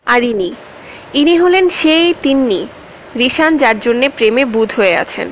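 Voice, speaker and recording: Woman narrator, wry teasing tone, slightly high voice, faint hiss. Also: lively intonation, normal speed, rough recording. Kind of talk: scripted comic narration.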